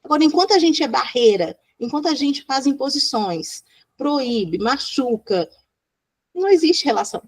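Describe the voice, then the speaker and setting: Lively, expressive woman storyteller. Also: high-pitched, normal speed. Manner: lively, expressive, laughs often, acts out quoted voices. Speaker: child psychologist guest. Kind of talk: animated storytelling in a podcast interview.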